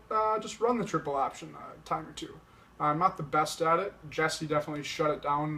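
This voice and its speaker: A man's voice: a little high, pushed and bright. A winded young man talking casually to the camera, boasting as he lays out his game plan point by point. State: a little winded. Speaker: vlogger challenging a friend to a video game match.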